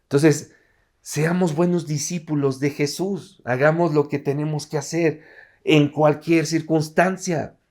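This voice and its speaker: A man's voice: a little high, steady tone, a little slow, darkish tone. A man preaching a sermon at an online Sunday service. He talks in a conversational way and keeps asking his listeners rhetorical questions.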